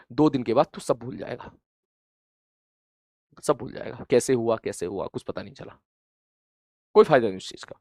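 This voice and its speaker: A male teacher gives students an earnest motivational talk, gently scolding them and repeating each point. His voice sits at an ordinary middle pitch and climbs louder and higher when he pushes them to try. The sound is dry and close to the mic. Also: dry recording. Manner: earnest, scolding yet gentle, repetitive emphasis; rises loud and high when urging. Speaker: coaching teacher.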